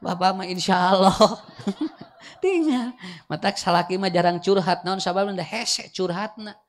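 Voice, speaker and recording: Speaking with a Sundanese accent, a man delivers a funny Islamic sermon at an unhurried pace. He swings from loud, high-pitched emphasis to quiet asides, chuckling often.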